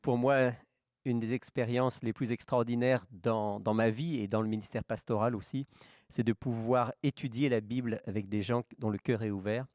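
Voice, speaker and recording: A man, a pastor from France, calmly introducing himself with some hesitation. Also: medium pitch, moderate pace, dry recording, studio quality. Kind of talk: introducing himself on a talk show.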